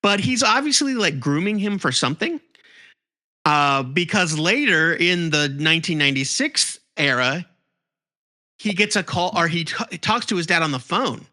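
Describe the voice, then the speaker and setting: Comics podcast guy, bright kinda high voice, rambly, lots of ums and restarts. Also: expressive, moderate pace. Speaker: podcast co-host. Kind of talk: casual chat about comics.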